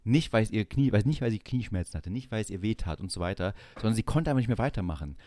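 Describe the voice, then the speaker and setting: Talking fast in a fairly low voice, a young man co-hosting a podcast tells a long personal story casually. He brings the characters to life by acting out their dialogue, and the recording is dry.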